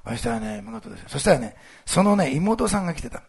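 This is a male pastor with a strongly gravelly, husky voice. He preaches in a lively, animated way, full of fillers, and talks quickly. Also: sits high. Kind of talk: sermon with church announcements.

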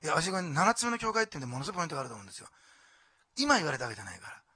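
A male pastor with an Osaka accent, preaching a sermon and asking the congregation rhetorical questions. He swings from hushed whispers to loud exclamations. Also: fairly high pitch, very animated, racing, husky, no room sound.

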